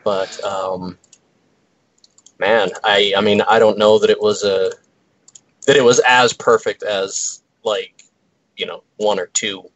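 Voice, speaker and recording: A man's voice: lowish voice, steady tone, takes it slowly, pauses often, a bit bright, muffled recording. A man giving his opinion as a guest on a casual panel, hesitating and restarting as he thinks aloud. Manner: hesitant, many fillers and restarts.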